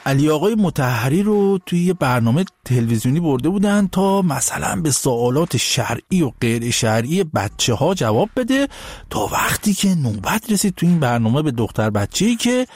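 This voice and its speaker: High-voiced mocking male commentator. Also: sing-song, a little mellow, slightly rough, no room sound. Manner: mocking, scolding, laughs and sings bits. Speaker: host. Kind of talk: sarcastic political commentary.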